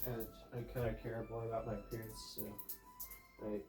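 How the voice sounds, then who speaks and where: A man's voice: lowish voice, little pitch movement, normal speed. A man talks casually to his vlog with the blocked, stuffy nose of someone who has a cold. He rambles and corrects himself as he thinks aloud. The room rings with echo, and faint music sits behind him. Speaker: vlogger with a YouTube channel. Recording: echoey room.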